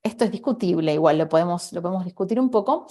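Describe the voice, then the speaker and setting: A woman's voice: fairly low pitch, lively intonation, fast, dark tone. A woman with a Rioplatense Spanish accent teaching a live online painting class, explaining step by step and checking in with her students. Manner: explanatory, thinking aloud with tag questions.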